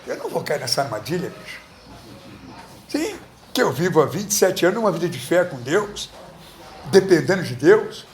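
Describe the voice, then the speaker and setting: A man's voice: on the high side, very animated, moderate pace, pauses often, a little hiss or hum. Blunt, slangy Brazilian man preaching. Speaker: pastor. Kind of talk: informal preaching in class. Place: school classroom.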